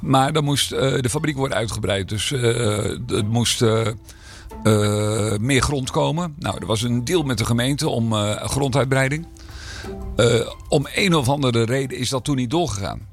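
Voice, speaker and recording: A man's voice: mid-range voice, moderate pace, faint music behind. A man serving as mayor, talking in a podcast interview with a slight cold, hesitant and full of fillers and restarts. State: slight cold, rough throat.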